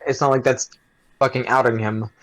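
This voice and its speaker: A man's voice: medium pitch, flat delivery, a little fast, poor audio. A young adult man co-hosting a casual podcast chat, telling a rambling story with lots of swearing and restarts. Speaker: podcast co-host.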